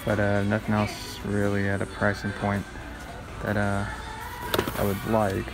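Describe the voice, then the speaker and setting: A man in his thirties with a lowish voice talks through a casual vlog, relaxed and chatty with plenty of filler words. He records on a handheld phone held at arm's length, with music playing behind him. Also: measured pace. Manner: easygoing, chatty, many "go ahead" and "uh" fillers. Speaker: sneaker reseller vlogger. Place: parked car and retail stores.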